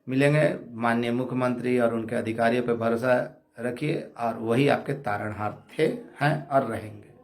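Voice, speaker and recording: A man giving a heated monologue from his home prayer room, combative, insulting his rivals and swinging between shouting and low muttering. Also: steady tone, moderate pace, reverberant. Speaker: online commentator appealing to viewers.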